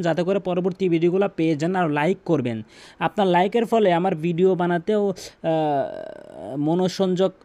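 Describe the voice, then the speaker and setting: A man teaching Quran recitation, repeating words slowly and chanting short verses as examples. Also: high-pitched, mellow. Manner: drills pronunciation, repeating words slowly and stressed.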